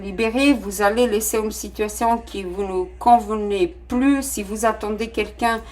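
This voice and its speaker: A woman's voice: mid-range voice, steady tone, normal speed, a little mellow. A woman with a non-native French accent giving a casual tarot reading, talking straight to her viewers with many fillers and restarts. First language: not French. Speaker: tarot reader.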